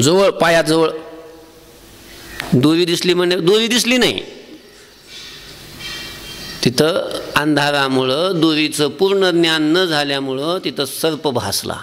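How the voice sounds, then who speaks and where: High-voiced man preaching in a reverberant hall. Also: animated, a bit bright, a little hiss or hum. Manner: asks the audience questions and answers them himself; slows down to chant verses. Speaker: Varkari preacher. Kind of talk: devotional sermon.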